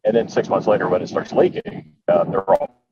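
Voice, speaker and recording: A man's voice: lowish voice, wildly swooping pitch, brisk, creaky. A man, a commercial builder, explaining things with wry asides while heard over a conference call line. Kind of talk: casual panel discussion. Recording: distant muffled noisy call audio.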